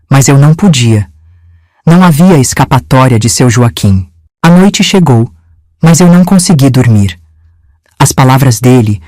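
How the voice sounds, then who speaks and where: A woman in her seventies from Minas Gerais, narrating her own life story in a gentle, measured, confiding way. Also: a bass voice, dry recording. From Minas Gerais, Brazil. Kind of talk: scripted first-person storytelling.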